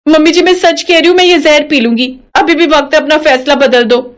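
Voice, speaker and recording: A woman playing a dramatic young daughter-in-law in an animated storybook, her voice pitched high and urgent. She pleads and frets in a melodramatic way. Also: brisk, close to an everyday voice. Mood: pleading.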